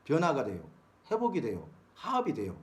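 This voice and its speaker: A man's voice: medium pitch, wildly swooping pitch, brisk. A middle-aged man preaching a sermon-style Bible lesson, asking the congregation rhetorical questions. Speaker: pastor.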